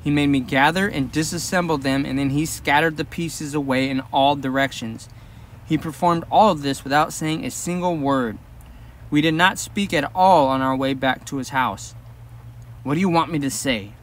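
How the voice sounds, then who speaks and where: Male audiobook narrator, slightly high. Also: far from the mic. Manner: measured, steady first-person storytelling. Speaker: audiobook reader.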